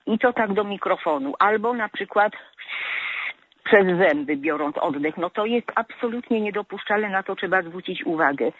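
A woman speaks down a telephone line, thin and tinny, with a dry close sound. She calls in to a radio show, pausing often with filler sounds as she corrects how people speak. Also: mid-range voice, lively intonation, husky, no room sound. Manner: hesitant, many filler sounds, prescriptive. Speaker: radio caller. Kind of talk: call-in talk about correct speech.

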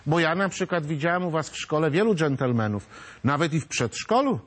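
A woman's voice: deep voice, animated, brisk, a little hiss or hum. A woman presenter interviewing schoolchildren with friendly, coaxing questions. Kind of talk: interviewing pupils.

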